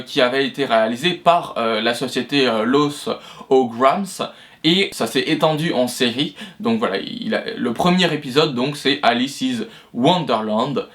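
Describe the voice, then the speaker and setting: A man with a fairly high voice walks the listener through history in a loose, chatty way, with plenty of filler words. He restarts sentences often and drops in self-mocking jokes. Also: a bit bright. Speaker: video host. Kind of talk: casual explainer narration.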